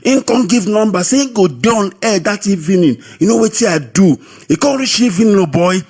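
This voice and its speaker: High husky Nigerian Pidgin man. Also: fairly quick. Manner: lively storytelling, sing-song. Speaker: radio caller. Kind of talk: personal testimony. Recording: radio broadcast audio.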